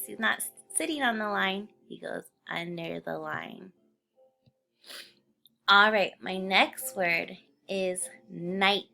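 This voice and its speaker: A woman teacher giving a patient phonics spelling lesson, clearly sounding out each letter. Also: mid-range voice, bright, forceful tone.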